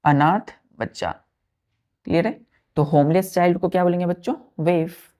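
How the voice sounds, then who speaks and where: A woman's voice: on the low side, steady tone, moderate pace, dark tone. A woman teacher gives a vocabulary lesson, spelling words letter by letter and counting aloud. She repeats each word and keeps checking that her students follow.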